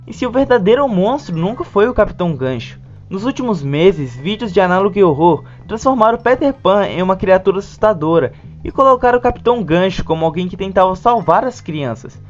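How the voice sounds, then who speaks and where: A Brazilian Portuguese-accented narrator runs through a scripted video essay with informal touches, using a sing-song mid-range voice. The pace is fairly quick, with hardly any pauses. The recording is dull and lo-fi, and music plays in the background.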